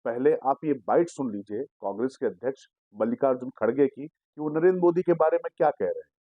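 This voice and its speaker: A man delivers political news commentary in an assertive, explanatory way. His voice sits at an ordinary middle pitch. The sound is dry and a little dull, with no room echo. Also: lively intonation, fast talker. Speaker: digital news host.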